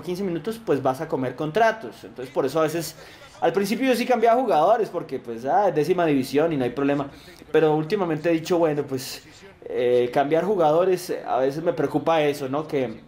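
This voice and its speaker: Young man, Colombian accent, high voice, excitable, gaming commentary, chatty with viewers. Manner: excitable, shouts at plays, chatty asides to viewers. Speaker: gaming YouTuber. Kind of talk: live football game commentary.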